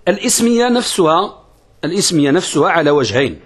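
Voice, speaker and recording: A man's voice: fairly high pitch, sing-song, slightly rough. A man teaching a classical grammar lesson, asking questions and answering them himself, repeating key phrases. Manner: uneven pace, stretching some words and rushing others.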